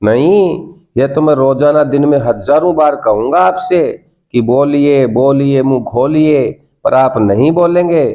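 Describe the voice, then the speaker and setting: Coaxing students through a spoken English lesson, an Indian-accented man repeats prompts for them to repeat. His mid-range voice is dark and unhurried, and the recording's highs are cut off.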